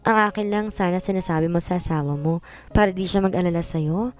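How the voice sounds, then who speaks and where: A woman reads a worried older father, gentle yet firm, pleading with a grown daughter. His lines are a touch higher and louder than the plain narration, over faint music. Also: brisk, close to an everyday voice. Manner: concerned, coaxing.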